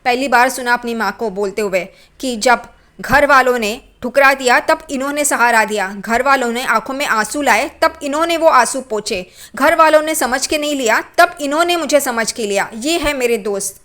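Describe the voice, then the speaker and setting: A woman's voice: high voice, normal speed, fairly bright tone. A woman reading the lines of a loyal young woman who earnestly defends her friend.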